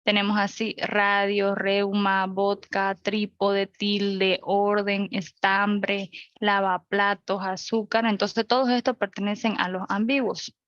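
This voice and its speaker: A woman's voice: mid-range voice, little pitch movement, takes it slowly, hardly any pauses, fairly bright tone, no room sound, muffled recording. A young woman teaching an online class. She goes through examples one by one and checks in with her listeners. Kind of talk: virtual grammar lecture. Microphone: video call.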